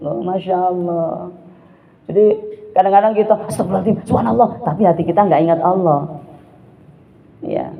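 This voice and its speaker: A man preaching to a congregation, animated, dropping to a soft murmur and then rising to loud exclamations, asking and answering his own questions. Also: high voice, normal speed, vocal fry, long pauses. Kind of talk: religious talk to a congregation. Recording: narrow phone-like sound.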